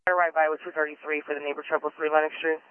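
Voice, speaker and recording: A man working as a police dispatcher, calling units over the radio in brisk, clipped codes. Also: on the high side, little pitch movement, clear, resonant tone. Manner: clipped, brisk code calls. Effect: police radio transmission. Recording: tinny narrowband police radio.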